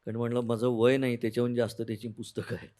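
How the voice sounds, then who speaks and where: Man, Marathi accent, poet, soft-spoken, half-sung recital, mid pitch. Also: little pitch movement, rapid-fire.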